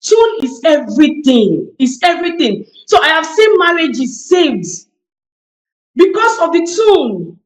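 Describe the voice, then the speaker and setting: A woman's voice: high voice, sing-song, unhurried, reverberant, low-quality recording. A woman on a TV panel discussion, speaking emphatically and repeating key phrases for weight. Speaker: talk show panelist.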